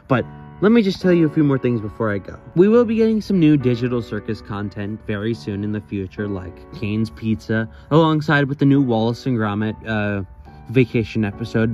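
A man's voice: on the low side, darkish tone. A young man talks outdoors in the cold, his voice shaking as he shivers. He rambles in a jokey, self-mocking way. The audio is a little dull, with faint music underneath. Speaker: YouTube creator. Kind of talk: casual vlog greeting to fans.

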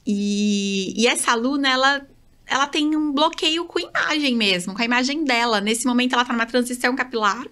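A woman's voice: a little high, brisk, bright, forceful tone. A woman hosting a casual podcast conversation, chatty and explaining with anecdotes. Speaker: podcast host, nutrition mentor.

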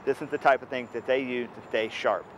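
A male fitness instructor talks through a TV news interview in a matter-of-fact, slightly dry way, dropping an occasional "uh." His voice sits at an ordinary mid pitch. Music plays clearly beneath him. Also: steady tone, brisk, poor audio. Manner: matter-of-fact, dry humor, some fillers. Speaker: boot camp lead instructor.

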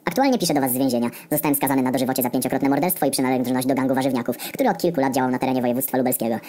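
Fast, dark-voiced deadpan male storyteller. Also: medium pitch, a little hiss or hum. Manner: deadpan, wry storytelling with frequent swearing. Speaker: narrator. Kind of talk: comedic story narration.

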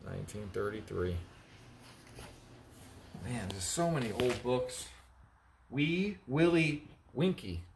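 A man's voice: mid-range voice, expressive, slow, gravelly, pauses often, noisy background. Chatty man narrating an unboxing. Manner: chatty, reads labels aloud, teases crew. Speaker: auctioneer. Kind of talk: casual unboxing commentary. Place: indoor storage area with block walls.

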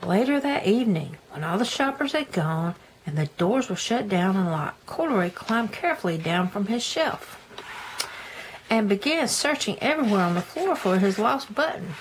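A woman's voice: medium pitch, expressive, moderate pace, low-quality recording. An older woman with a grandmotherly, folksy manner reads a children's story aloud and chats to the listener in homely asides. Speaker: storybook reader, a granny. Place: indoors, book held in front of camera. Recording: noticeable room noise.

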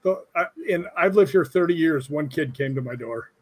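A man's voice: fairly high pitch, normal speed, slightly rough. An older man, a guest on a video call, telling joking stories with chuckles. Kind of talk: casual video-call interview.

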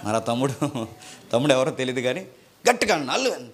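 A male pastor preaching a sermon, moving between forceful shouted rebukes and low, mocking asides. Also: very animated, fast talker.

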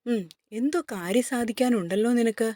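A woman's voice: on the high side, brisk, dry recording, lightly acted. A woman voicing a teasing young husband, playful and firm, in a story read aloud. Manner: teasing, gently mocking.

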